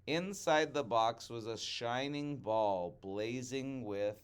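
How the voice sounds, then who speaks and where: A man reading a picture book aloud to children as a storyteller, deliberate and expressive with dramatic emphasis. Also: medium pitch, clear, resonant tone.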